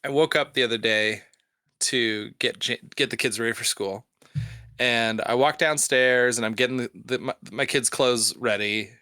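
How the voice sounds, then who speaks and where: A man co-hosting a movie podcast, telling anecdotes with bursts of laughter. His voice is bright and forward, and the recording is close and dry. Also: medium pitch, steady tone, dry recording. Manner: storytelling, quick laughs. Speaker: podcast co-host. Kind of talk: casual chat.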